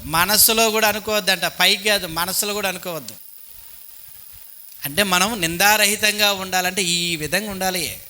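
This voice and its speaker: Male Telugu preacher with a high, very bright voice, chatty sermon style, asking the congregation questions, cheap handheld mic. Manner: conversational, asks the congregation questions, mock-voices petty thoughts. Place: church hall. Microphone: cheap handheld microphone.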